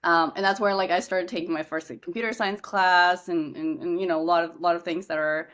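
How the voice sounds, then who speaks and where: A young Indian startup founder, a guest on a casual podcast interview, talks through her story in a fairly low, steady, slightly bright voice. She speaks a little fast and chats freely, full of fillers and restarts.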